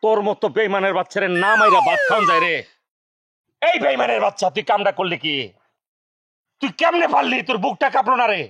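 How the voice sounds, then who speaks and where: An actor playing a hot-tempered, jealous husband in a comedy serial, ranting in with a husky voice. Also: male voice, high voice, a little fast, pauses often, no echo. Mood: outraged. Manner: theatrical ranting, mocking questions.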